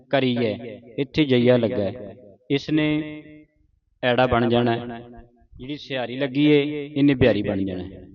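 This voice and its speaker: A man teaching the pronunciation of scripture, chanting each verse line slowly before explaining it plainly. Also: medium pitch. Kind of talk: slow recitation lesson. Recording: dull lo-fi recording with crowd behind.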